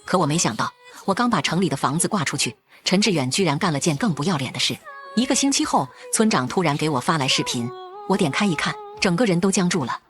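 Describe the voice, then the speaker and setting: A woman's voice: low-pitched, animated, fast. A woman narrating a first-person drama in a cold, blunt and firm way.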